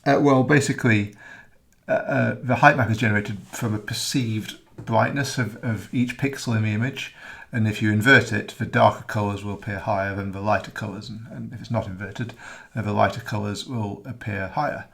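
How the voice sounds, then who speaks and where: A man who is losing his voice, explaining his software in a rambling, casual tutorial full of ums and uhs. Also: lowish voice, steady tone, normal speed, gravelly. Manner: rambling, many ums and uhs, self-correcting. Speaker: software developer demonstrating his app. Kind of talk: casual screen-recorded tutorial.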